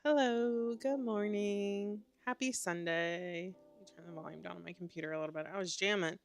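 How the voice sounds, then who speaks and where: A woman's voice: lowish voice, fairly quick, gravelly. A woman hosting a live stream in casual, rambling chat, sounding congested and nasal. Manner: chatty and rambling, many "like"s. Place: at home at a computer.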